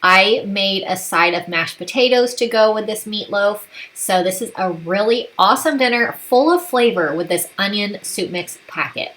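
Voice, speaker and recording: A woman's voice: mid-range voice, moderate pace, few pauses, fairly bright tone. Upbeat woman narrating cooking. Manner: upbeat, chatty, repeats "really great". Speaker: cooking channel host. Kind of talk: casual cooking voice-over.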